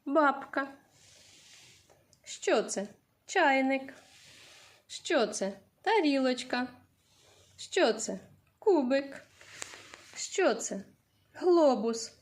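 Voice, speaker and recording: Warm-hearted kindergarten teacher type, a woman speaking slowly with big swoops of pitch for small children. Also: animated. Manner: slow, sing-song questions to small children. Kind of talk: early-years literacy lesson.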